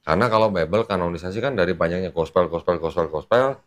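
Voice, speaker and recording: Low-voiced male teacher type; patient, casual, explains with homely examples. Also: quick pace. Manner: patient, uses everyday examples, laughs often. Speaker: Islamic teacher explaining to a guest.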